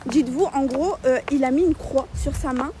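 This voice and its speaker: Animated woman vlogging to her followers. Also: high-pitched, normal speed, noisy background. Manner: animated storytelling, calls viewers "mes vies". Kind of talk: casual vlog chat to followers.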